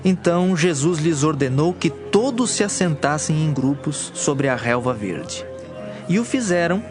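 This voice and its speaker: With a clear music bed behind him, a man with a fairly high voice for a man narrates scripture from a script as a dramatized Bible reading.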